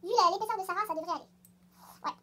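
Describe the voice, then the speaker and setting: A teenage girl chatting excitedly in a casual show-and-tell vlog, rambling with lots of hesitations and fillers. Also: extremely high pitch, fast. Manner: excited, gushing. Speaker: horse-riding vlogger.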